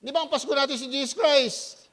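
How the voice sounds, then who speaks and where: A pastor preaches in a loose, conversational style at a slightly fast pace, frequently asking the congregation questions and laughing while telling stories. He's lively, voicing quotes in a high pitch.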